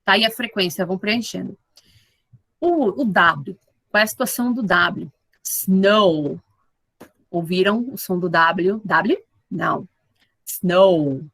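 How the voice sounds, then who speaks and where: A woman teaching an English class online, with slow explanations, repeated model words and frequent checks with her students. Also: mid-range voice, pushed and bright, no echo, low-quality recording. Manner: checks in with the class often with tag questions.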